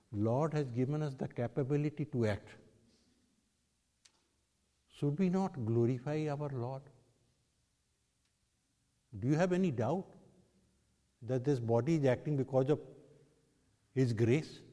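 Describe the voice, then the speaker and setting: Male spiritual teacher, North Indian accent, slightly higher-pitched voice, questioning didactic delivery, long hall echo. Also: warm tone. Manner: didactic, poses rhetorical questions to listeners. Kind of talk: religious discourse in English with Hindi and Sanskrit phrases.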